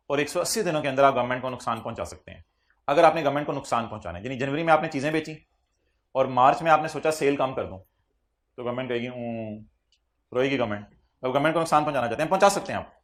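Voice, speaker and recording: A man with a Pakistani Urdu accent giving a tax lecture to a class, teasing students, quizzing them and mixing English phrases into his Urdu. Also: mid-range voice.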